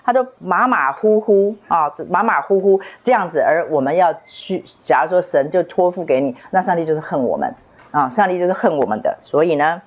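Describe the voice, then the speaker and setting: Lady leading a church book group, kinda husky low voice, dull lo-fi sound. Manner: animated storyteller who acts out quoted voices. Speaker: book club leader. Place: room with a small group. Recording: dull lo-fi recording.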